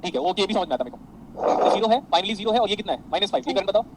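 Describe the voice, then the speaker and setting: A man lecturing on electronics to an online class, mixing Hindi and English and calling his students "beta". His voice sits a little high and he talks quickly. Faint traffic noise hums behind him. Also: animated, rough recording. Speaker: electronics teacher.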